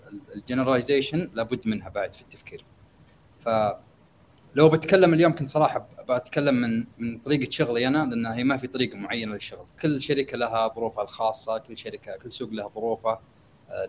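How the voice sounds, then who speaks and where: A young man with a Gulf Arabic accent explaining conversationally as a guest expert, hesitant and pausing as he thinks aloud. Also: medium pitch, a little hiss or hum. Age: young adult. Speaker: guest expert in startup marketing.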